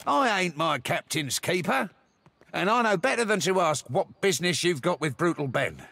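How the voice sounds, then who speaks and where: A man's voice: sits high, lively intonation, moderate pace, gravelly, sharp tone, no echo, heavily acted. A man voicing a surly pirate deckhand in a video game, blunt and dismissive. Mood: guarded.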